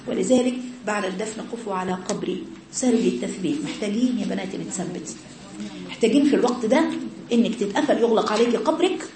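Fast-talking Egyptian woman preaching urgently. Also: on the high side, dark tone, reverberant, slight background noise. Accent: Egyptian Arabic. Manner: urgent exhortation with repeated rhetorical questions. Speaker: religious teacher. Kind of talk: women's religious lesson.

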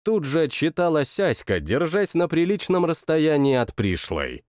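Guy reading a fantasy audiobook, dramatic, lively pitch, dry close sound. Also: normal speed, dry recording. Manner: dramatic, expressive. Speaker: audiobook narrator. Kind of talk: first-person fantasy audiobook narration.

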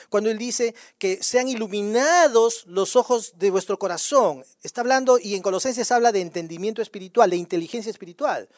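A man's voice: high-pitched, no echo. Man preaching with dry close sound. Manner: conversational, peppered with rhetorical questions to the congregation. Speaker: pastor. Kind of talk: sermon.

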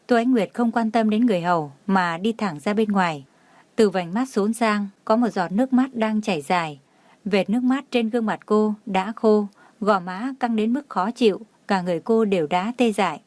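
A woman narrating a romance story in a steady, even storytelling manner. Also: medium pitch, normal speed, no room sound.

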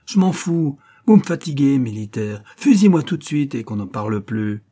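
A man's voice: mid-range voice, big pitch swings, moderate pace, warm tone, pitched above the performer's own voice. A man voicing a defiant, weary old French woman who speaks with tired scorn.

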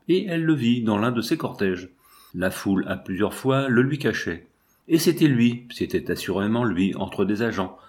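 A man reading a novel aloud in a measured, dramatic narration. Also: lowish voice, darkish tone. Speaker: audiobook narrator. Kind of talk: scripted literary narration.

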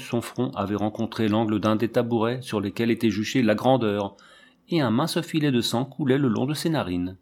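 A man reading a novel aloud with measured, steady storytelling delivery. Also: lowish voice. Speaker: audiobook reader. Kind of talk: scripted narration of a novel.

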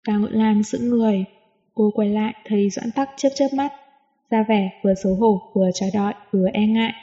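A woman narrating a novel in an audiobook, with smooth, even storytelling, in a dull recording with a long reverb. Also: mid-range voice, fairly quick. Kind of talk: scripted narration.

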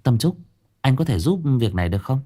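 A man's voice: mid-range voice, big pitch swings, fairly quick, mellow. A man voicing an anxious, earnest young woman.

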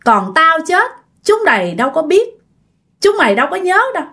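A woman voicing a vengeful dead woman's ghost that speaks through a possessed woman, shrill and taunting. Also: very animated, moderate pace, sharp tone, exaggerated voice. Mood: accusing.

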